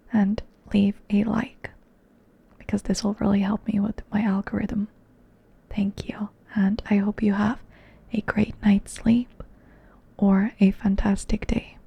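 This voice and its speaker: A woman ASMR creator closing her video in a soft, breathy whisper. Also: medium pitch, dull audio. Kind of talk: ASMR outro.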